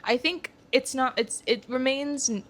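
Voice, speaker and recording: A woman's voice: sits high, unhurried, a bit bright. Eager young woman chatting about a book. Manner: eager, thinks aloud with restarts. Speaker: podcast co-host. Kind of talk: casual book discussion.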